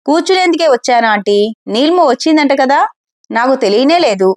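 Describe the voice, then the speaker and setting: A woman's voice: high-pitched, expressive, dry recording, clean studio sound. A woman voicing a chatty, devout young married woman who talks on in a rush. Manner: chatters quickly, mildly peeved.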